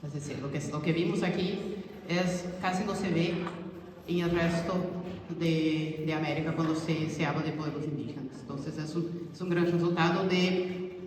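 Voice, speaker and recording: Researcher explaining results to a community, mid-pitched, rephrases constantly, far off in a big reverberant hall. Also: fairly even intonation, normal speed. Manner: explanatory, many restarts and fillers like "o sea" and "es decir". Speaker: researcher presenting study results. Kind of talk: informal public talk to a community audience. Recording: echoey hall heard from far off, faint noise.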